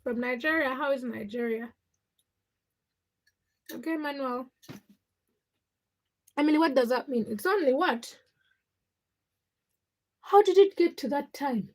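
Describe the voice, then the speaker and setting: A woman with a Ugandan accent hosts a livestream, chatting casually with viewers in short, fragmented phrases she often repeats. Her voice sits high, and she keeps a measured pace with frequent pauses.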